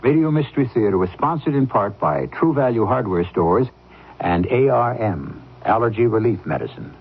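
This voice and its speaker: A man hosting and narrating a radio drama in a theatrical, wry style, pausing for effect. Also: fairly low pitch, animated, breathy edge. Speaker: host and narrator. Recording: tinny radio broadcast.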